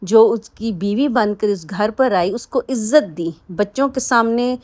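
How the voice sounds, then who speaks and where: A woman's voice: mid-range voice, a little mellow. A woman with a Pakistani Urdu accent giving earnest parenting advice straight to viewers in a casual talk. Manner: earnest, speaks directly to viewers, many fillers.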